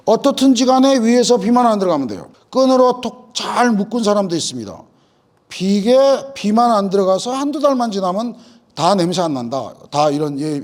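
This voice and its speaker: A middle-aged man teaches a room of farmers in a folksy, storytelling way. His voice sits high and swings widely up and down as he acts out the people in his anecdotes. He sounds like he is speaking in a lecture hall. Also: darkish tone. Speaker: agricultural lecturer.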